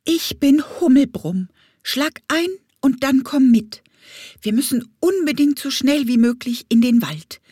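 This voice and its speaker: A bossy little bumblebee girl buzzes along in a high, hurried voice, scolding and urging everyone on, as a woman puts her on for a children's audiobook. Her lines are loud and pushy, and the recording is dry and close. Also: lively intonation, breathy edge, dry recording, heavily acted. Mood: urgent scolding. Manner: urgent, scolding.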